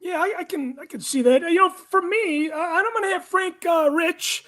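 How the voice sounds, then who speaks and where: A podcast co-host chats casually in a talkative, halting way. The voice is high, and the delivery is loose and conversational. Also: fairly bright tone. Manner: chatty, halting. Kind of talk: casual chat.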